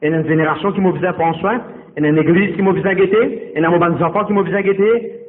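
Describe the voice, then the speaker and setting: A man's voice: sits high, fast talker. A man pastor preaching a sermon, repeating his phrases and calling straight out to the congregation, with English words mixed into his speech. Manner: repetitive, exhorting, addresses the congregation directly. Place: church. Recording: tinny, echoey church hall sound.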